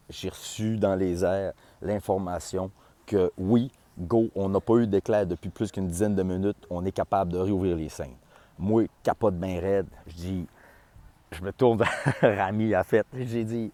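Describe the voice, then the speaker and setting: An excitable Quebec French man tells a festival story fast and loose. He swears and drops in sound effects. His voice is on the low side and close and dry on the mic. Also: dry recording. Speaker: festival logistics director. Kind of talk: animated storytelling vlog.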